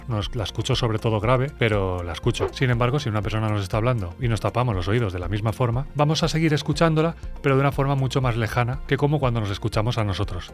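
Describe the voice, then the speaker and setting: A man with a Spain Spanish accent talks briskly through a recording lesson, addressing viewers directly. His pitch sits in an ordinary middle range, and soft music plays faintly underneath. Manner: brisk, chatty and explanatory, speaking straight to viewers. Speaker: music producer. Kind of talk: explainer video.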